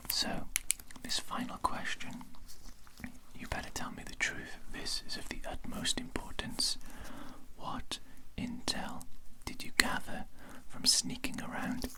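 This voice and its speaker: A performer in a whispered role-play, voicing a patient, quietly menacing interrogator at a secret facility in a soft, breathy, deliberate whisper. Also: lightly acted, low-quality recording. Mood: quietly threatening.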